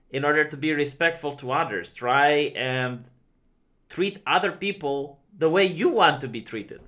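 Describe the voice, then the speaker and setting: A Romanian man with a pushed, bright mid-range voice gives opinionated vlog commentary as a video commentator. He talks conversationally and uses lots of "uh" and "um."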